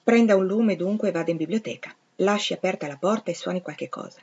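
A brusque, imperious gentleman, as a woman reader puts him on, clipped and used to giving orders. His questions come short and commanding, in a middle-low voice. The recording is a little dull and lo-fi. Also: fast, breathy edge.

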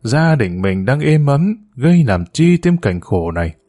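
A jealous, heartbroken mother speaks with bitter resentment, her voice close to tears, as a man reading the story puts her on. Her pitch sits in the ordinary middle range for a storybook reading. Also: sing-song, measured pace, dark tone. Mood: bitter, tearful. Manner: tearful, resentful scolding.

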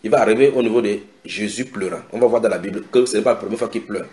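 A man preaching a sermon in a house church, animated and expressive. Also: lowish voice, very fast. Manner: animated preaching with acted quotes and a shouted climax. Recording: echoey room, faint noise.

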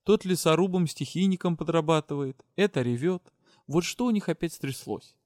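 A woman's voice: deep voice, a little mellow, no echo, clean studio sound, voice pushed up, lightly acted. A man voicing a revived female spirit of death who is irritable and scornful, in an audiobook. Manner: angry, slow voice.

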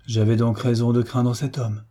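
A man's voice: medium pitch, flat delivery, moderate pace, warm tone, close to an everyday voice. A man voicing a naive young lady. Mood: plaintive. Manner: earnest, plaintive. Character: innocent, trusting young noblewoman.

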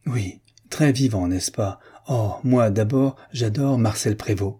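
A man's voice: fairly low pitch, slow, dark tone, slightly rough, exaggerated voice. A man voicing a gushing, credulous princess in a read-aloud novel, with an effusive manner.

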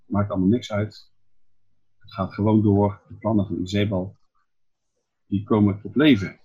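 A low, very husky male voice preaching a Bible exposition. He explains things step by step and keeps asking questions, then answering them himself. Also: flat delivery, moderate pace, warm tone, muffled recording. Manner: explanatory, asks and answers his own questions.

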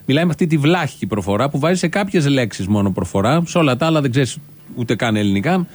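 A man's voice: medium pitch, animated. A man hosting a satirical show, giving scornful political commentary full of rhetorical questions.

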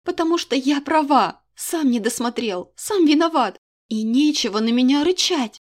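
A woman's voice: fairly high pitch, normal speed, darkish tone, voice pushed up, lightly acted. A woman doing a defiant, hot-tempered heroine. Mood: furious. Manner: heated, raised, indignant.

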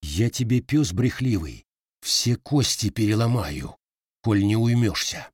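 A man's voice: animated, unhurried, a little mellow, slightly rough, no echo, clean studio sound. A man voicing a menacing young fighter. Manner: low, menacing, hissing threats.

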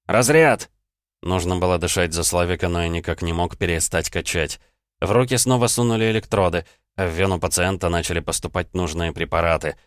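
Deep-voiced male audiobook narrator. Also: fast talker, no echo, studio quality. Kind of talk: scripted first-person narration.

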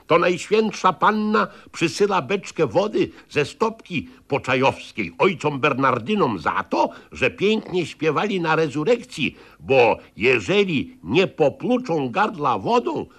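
A man voicing a sly boastful male devil in a literary reading, with a high, cocky, theatrical patter. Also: sing-song, unhurried, few pauses, a bit bright, full character voice. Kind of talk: literary reading, archive radio.

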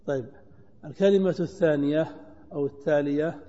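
A man's voice: a little high, a little fast, warm tone. A man teaching a grammar class as a sheikh, putting questions to his students and repeating their answers back with emphasis. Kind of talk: classroom lecture quizzing students. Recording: dull lo-fi with long hall reverb.

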